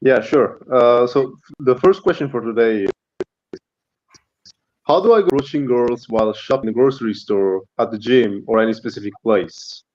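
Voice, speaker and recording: A man with a very deep, resonant low voice, casually asking questions as a caller on a live show over an internet call. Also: moderate pace, darkish tone, muffled recording.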